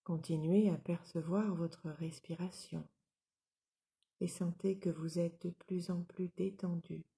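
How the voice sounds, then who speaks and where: A woman leading a guided yoga nidra relaxation as an instructor, giving calm, soothing, measured instructions. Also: fairly low pitch, creaky.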